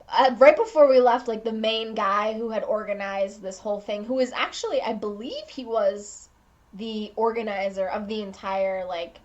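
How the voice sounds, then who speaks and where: A woman's voice: medium pitch, highs cut off. A young woman vlogger telling a casual story at home, rambling, restarting her sentences and laughing often.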